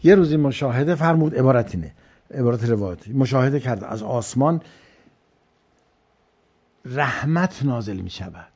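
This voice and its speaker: A man's voice: mid-range voice, expressive, pauses often, darkish tone, slightly rough, muffled recording. Man giving a religious lecture. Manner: storytelling with repeated phrases. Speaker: cleric.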